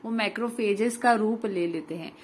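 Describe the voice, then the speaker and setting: A woman with an Indian accent teaching an exam revision lesson, explaining points, asking and answering her own questions, and reading English notes out slowly. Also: mid-range voice, slight background noise. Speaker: online exam-prep tutor. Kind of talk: Hindi-English revision lecture.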